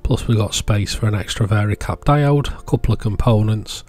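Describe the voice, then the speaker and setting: A man with a fairly low, slightly mellow voice talks at a normal pace, presenting a casual voice-over that showcases products. As the channel's presenter, he explains hobby electronics in plain, easygoing terms.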